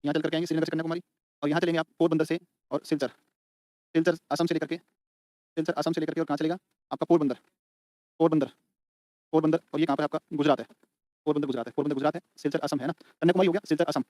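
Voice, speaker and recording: A man's voice: fairly high pitch, fairly even intonation, rapid-fire, long pauses, darkish tone, dry recording. A man teaching an exam-prep lecture in a colloquial way, repeating each point over and over so students can write it down. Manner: colloquial, addresses students as beta and bhai.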